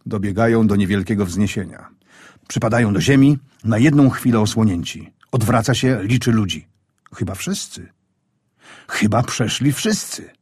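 A man reading a wartime story aloud in a grave, measured, tense manner. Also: on the low side, lively intonation, a little mellow, slightly rough, no room sound, clean studio sound. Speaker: audiobook narrator. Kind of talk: scripted wartime story narration.

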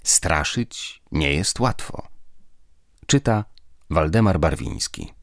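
A man narrating an audiobook in a lively storytelling manner. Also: extremely low pitch, slow, gravelly, dry recording, studio quality. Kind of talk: scripted narration.

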